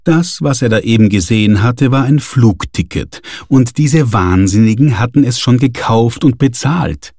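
A man reading a novel aloud as narrator in a measured, even storytelling manner. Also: medium pitch, no room sound, studio quality. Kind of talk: audiobook narration.

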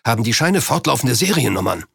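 A man's voice: medium pitch, big pitch swings, fairly quick, vocal fry, fairly bright tone, husky, no echo, clean studio sound, exaggerated voice. A man doing a panicky aging tycoon. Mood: probing. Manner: raised, agitated and clipped.

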